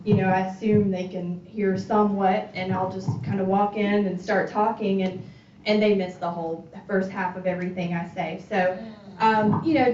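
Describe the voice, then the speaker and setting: Speaking at an informal community talk, this woman, a hearing specialist, chats along with many fillers and restarts. Her voice is medium in pitch and a little mellow, captured in a dull, distant, roomy recording.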